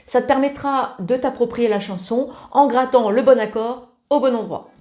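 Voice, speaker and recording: High-voiced woman teaching ukulele. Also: normal speed. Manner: chatty, familiar, sings the lyrics while strumming. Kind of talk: casual ukulele tutorial. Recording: loud ukulele playing along.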